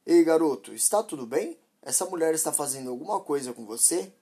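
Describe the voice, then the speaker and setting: A woman's voice: low voice, animated, brisk, dark tone, slightly rough, exaggerated voice. A woman voicing a concerned, insistent man who keeps questioning. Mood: worried. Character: concerned grown man, a passing driver.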